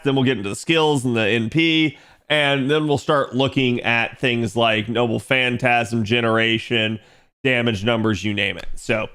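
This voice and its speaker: A male streamer with an ordinary mid-pitched voice talks through a game analysis in a relaxed, conversational way. He addresses his viewers directly as he goes. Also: clear, resonant tone.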